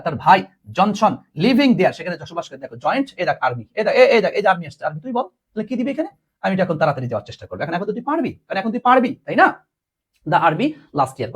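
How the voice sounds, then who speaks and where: A man's voice: sits high, breathy edge. A man teaching a live online class, repeating words and quizzing students. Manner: animated, repeats words, asks students questions.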